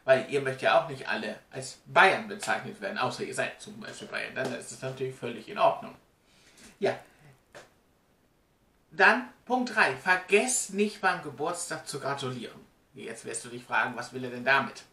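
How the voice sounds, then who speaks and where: This time the man's voice lands in the mid range, gravelly yet bright, with a forceful tone and moderate pace. A vlogger from Germany, he chats and explains emphatically to his webcam in a small home room, and the audio is roomy and distant.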